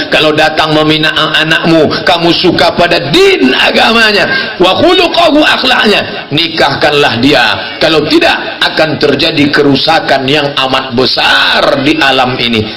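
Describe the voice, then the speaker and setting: A man with an Indonesian accent preaching a lively sermon, telling stories and acting out the people in them. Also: poor audio. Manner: animated storytelling, acting out characters with sudden high-pitched cries. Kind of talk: lively sermon with acted dialogue.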